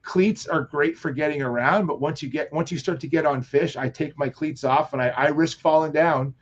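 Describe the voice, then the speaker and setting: Casting note: man, fairly high voice, rambling fishing storyteller, lo-fi muffled sound. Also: normal speed. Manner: rambling storyteller, animated quotes. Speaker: fishing show regular. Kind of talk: casual chat on live show.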